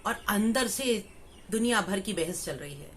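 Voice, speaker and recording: Speaking at a measured pace, a middle-aged Gita teacher and spiritual life coach slowly unpacks scripture through everyday examples and rhetorical questions. Her medium-pitched voice is fairly bright with lively intonation, over slight background noise.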